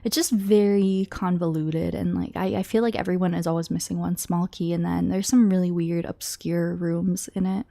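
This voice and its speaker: A young woman streams a game and chats casually with viewers, sounding congested and slightly nasal from a cold. Her voice is on the low side and creaky, with a steady tone, normal speed and few pauses. She's chatty and rambling, repeatedly restarting sentences and dropping quiet asides.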